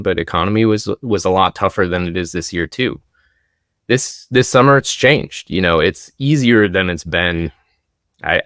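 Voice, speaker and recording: Low-voiced enthusiastic man explaining travel deals. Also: fairly bright tone, no room sound, studio quality. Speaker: travel deals expert guest. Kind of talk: podcast conversation. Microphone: podcast microphone.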